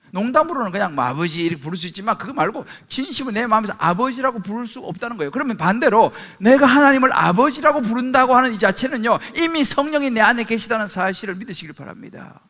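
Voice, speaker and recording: A man's voice: very high-pitched, pushed and bright. A middle-aged male pastor preaching a sermon with emphatic rhetorical questions, calling on the congregation for amens.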